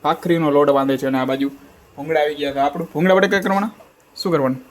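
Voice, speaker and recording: A man's voice: on the high side, fairly even intonation, rapid-fire, slight background noise, rough recording. A young man, chatting casually and teasing his family in a home vlog. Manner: playful, teasing banter. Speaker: family vlogger.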